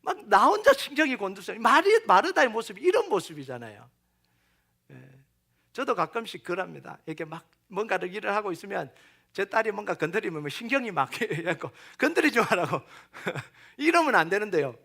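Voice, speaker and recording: A middle-aged man preaching a sermon as pastor, animated, acting out quoted voices and sinking to near-whispers. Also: high voice, fairly quick, creaky.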